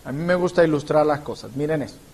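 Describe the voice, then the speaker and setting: A man's voice: a little high, quick pace, darkish tone. A man from Colombia, a pastor, teaching a church Bible class in an earnest, explanatory way and illustrating points with personal stories.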